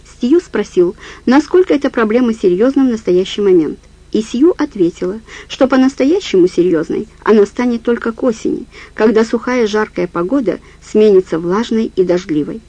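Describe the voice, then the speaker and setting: A woman reading a horror audiobook in a measured, even narration. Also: a little high, slightly rough, no room sound, rough recording. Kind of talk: scripted narration.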